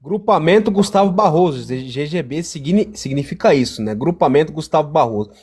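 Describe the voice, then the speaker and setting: A man's voice: on the high side, animated, brisk, a little mellow, slightly rough. A man with a Brazilian accent co-hosting a live stream, mocking viewers in sarcastic slang. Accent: Brazilian Portuguese. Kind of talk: casual political live stream chat.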